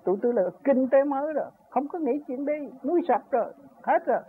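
An older man with a high-pitched voice gives a rambling spiritual talk about his own path, pushing up into emphatic peaks. The recording is tinny and narrow, like a phone line, with a faint hiss underneath. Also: fast talker.

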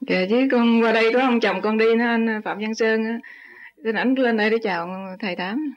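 A woman's voice: fairly high pitch, moderate pace. Deferential woman asking questions, lo-fi sound. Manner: deferential, hesitant, many polite affirmations. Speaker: meditation student asking questions. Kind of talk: polite questioning, respectful address. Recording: dull lo-fi recording.

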